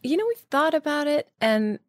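A middle-aged Iranian woman who founded a beauty brand answers interview questions with eager enthusiasm, often restarting her sentences. Her high voice swings widely in pitch at a moderate pace, recorded in a clean, dry studio.

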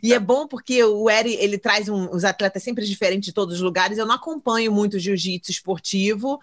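Fast-talking Brazilian woman podcast host. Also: mid-range voice. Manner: animated storyteller, acts out quotes. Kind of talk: casual chat.

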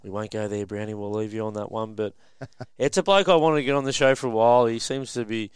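A man's voice: on the low side, steady tone, fast talker, clean tone, no echo, clean studio sound. An Australian man hosting a sports radio show, chatting and interviewing in a casual, matey, plain-spoken blokey way.

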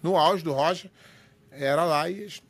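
Higher-voiced Brazilian man in casual chat. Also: normal speed. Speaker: podcast co-host.

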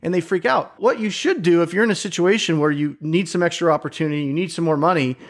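A man's voice: a little high, quick pace. A middle-aged man in a casual chat who tells stories with energy, acts out other people's reactions and swears casually.

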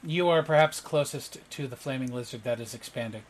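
Calm man running a tabletop game. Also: mid-range voice, fairly quick, slight background noise. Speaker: game master. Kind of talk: narrating a tabletop game over voice chat.

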